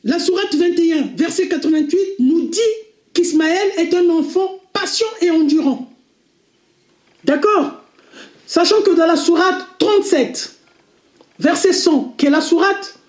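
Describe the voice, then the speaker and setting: Brief: woman, Arabic accent, unhurried teaching voice, echoey room. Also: extremely high pitch, a little mellow. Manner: deliberate, checks in with listeners, repeats key points. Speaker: religious video commentator. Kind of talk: slow explanatory religious lesson.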